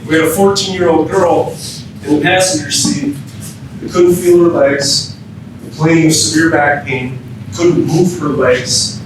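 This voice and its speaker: A Minnesota emergency physician, an American man, gives firefighters an informal, interactive training lecture as keynote speaker, often quizzing them. The recording is very echoey, with a distant mic and rumbling noise.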